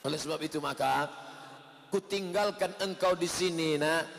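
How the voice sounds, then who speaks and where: A man preaching a sermon, telling stories with lively delivery and acting out the people in them. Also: normal speed, creaky. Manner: animated storytelling, acts out quoted parents with shouts and high voices. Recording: long hall reverb, faint noise.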